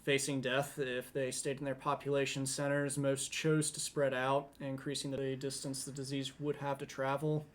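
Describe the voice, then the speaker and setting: A male podcast co-host talks through history at an even, mid-range pitch. He lectures conversationally, sometimes restarting a phrase before he carries on. His delivery stays relaxed and explanatory. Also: moderate pace, few pauses.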